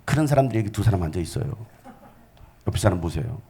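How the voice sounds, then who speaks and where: A male pastor preaching a sermon at a church service, animated and speaking straight to the congregation. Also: low-pitched, fast talker, breathy edge.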